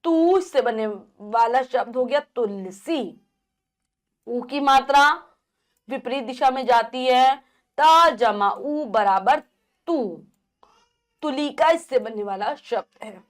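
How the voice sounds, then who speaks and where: A woman's voice: sits high, takes it slowly. A woman teaching a children's grammar lesson, patiently spelling out letters and asking and answering her own questions.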